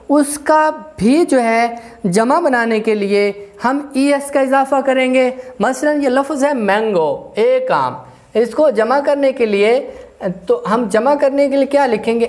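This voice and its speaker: A woman teaching an English grammar lesson, explaining slowly, repeating herself and spelling words out letter by letter. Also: fairly high pitch, a little mellow. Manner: slow, repetitive, spells out letters one by one.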